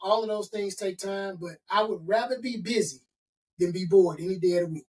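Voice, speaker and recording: A middle-aged consultant and author from Chicago, USA, talks fairly quickly in a high voice with a darkish tone, recorded from a distance. In this interview he sounds emphatic and motivational, running through points as lists.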